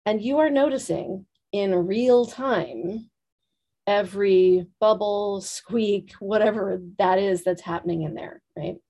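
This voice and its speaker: A woman leading a workshop, talking quickly and asking the room questions. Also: medium pitch, warm tone. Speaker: workshop teacher. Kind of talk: teaching a live group.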